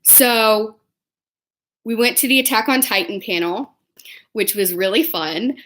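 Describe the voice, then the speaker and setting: A young woman vlogs from home about anime conventions, chatty and excitable, jumping between voices as she retells what people said. Her voice sits on the high side and she talks at an unhurried pace. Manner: chatty, excitable, acts out quotes in different voices. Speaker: vlogger. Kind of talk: casual storytelling vlog.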